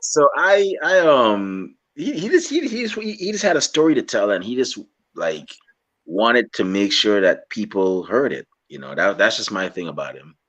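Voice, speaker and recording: A young man from Guyana interviewing a guest in a relaxed, rambling way, often restarting his sentences. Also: lowish voice, muffled recording. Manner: rambling, halting with many restarts. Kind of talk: casual interview chat.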